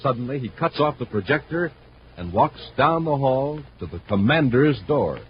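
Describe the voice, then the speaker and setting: A mid-range, natural-sounding male voice, animated and at normal speed, takes on the role of a hearty 1950s American radio pitchman for boys' space toys, with a suspenseful mood and an emphatic, enthusiastic delivery. The scripted sales pitch and narration come through a muffled, noisy old recording.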